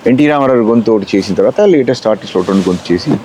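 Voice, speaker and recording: A man's voice: on the low side, racing, a little hiss or hum. A man, a mimicry artist telling stories animatedly in an interview. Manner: animated storyteller who often acts out quotes. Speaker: mimicry artist and ventriloquist guest. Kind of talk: casual storytelling interview.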